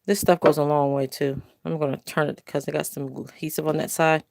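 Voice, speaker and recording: A woman's voice: sits low, level tone, a little fast, gravelly, a little mellow, no room sound, clean studio sound. An older woman hosting a casual crafting livestream from home, chatting in a rambling, self-correcting way. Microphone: phone camera.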